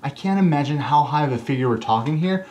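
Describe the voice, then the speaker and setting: A man's voice: a little high, lively intonation, quick pace, darkish tone. A man hosting a joking golf news rundown in a sarcastic, wisecracking manner.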